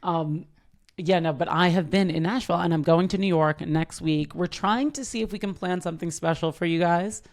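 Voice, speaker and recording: Lower-voiced woman chatting on a podcast. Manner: agreeable, quick affirmations. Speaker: podcast co-host. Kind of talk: casual chat.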